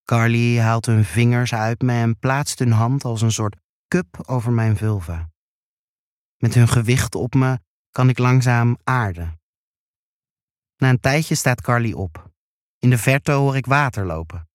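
A man reading a first-person erotic story aloud in a slow, hushed, intimate way. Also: medium pitch, no echo, studio quality. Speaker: narrator.

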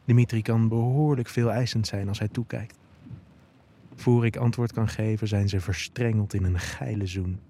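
A man's voice: fairly low pitch, steady tone, normal speed, mellow, a little hiss or hum. A man giving intimate first-person narration of an erotic audio story.

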